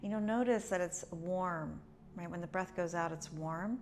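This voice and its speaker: Low-pitched woman teaching breathing, noisy background. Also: moderate pace, darkish tone. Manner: conversational, explanatory, guiding step by step. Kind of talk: instructional breathing lesson, guiding along.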